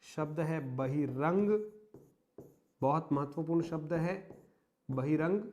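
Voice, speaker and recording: A man teaching a Hindi grammar lesson, slowly dictating example words, repeating them, asking questions and answering them himself. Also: a little high, a little mellow, a little hiss or hum. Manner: slow, repetitive dictation of example words, often addressing "मित्रों". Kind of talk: online exam-prep grammar lesson.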